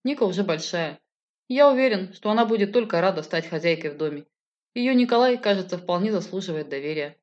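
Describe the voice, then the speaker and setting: A woman's voice: lowish voice, expressive, a little fast, a little mellow, close to an everyday voice. A woman voicing an emotional, impulsive grown man who pleads and argues with his partner. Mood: pleading. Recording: slightly dull lo-fi audio.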